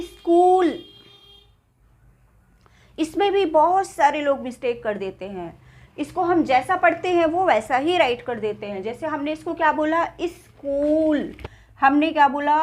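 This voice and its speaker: A woman teaching spoken English with an Indian accent, repeating each word slowly and checking in with her students. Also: sits high, lively intonation, a little mellow.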